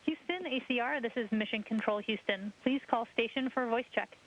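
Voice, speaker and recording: A woman's voice: a little high, fairly quick. A woman mission control communicator making formal, procedural space radio calls in a clipped manner. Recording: tinny phone-like radio link.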